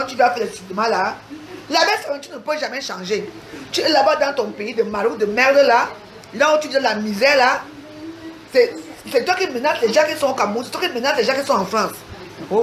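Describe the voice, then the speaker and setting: A woman with a somewhat high voice rants furiously on a livestream, trading insults and challenges. She talks in a confrontational, repetitive way. The sound carries a roomy echo. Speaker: social media livestreamer. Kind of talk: angry livestream rant.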